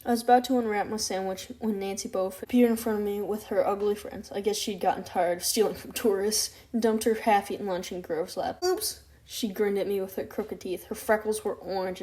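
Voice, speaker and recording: A woman's voice: medium pitch, dark tone. A woman narrating a first-person audiobook, reading aloud with occasional stumbles and restarts.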